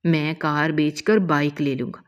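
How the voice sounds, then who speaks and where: A loving but hot-headed young husband, read by a woman in her own low voice, who scolds loudly and then turns tender. The voice sits low and deep, told as an emotional story. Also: steady tone, highs cut off, lightly acted. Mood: worried.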